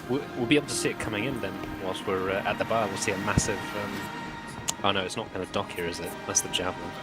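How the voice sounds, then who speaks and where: A man casually chatting with friends in voice chat while playing, quick to laugh and thinking aloud with fillers. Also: lowish voice, fairly even intonation, loud music behind the voice.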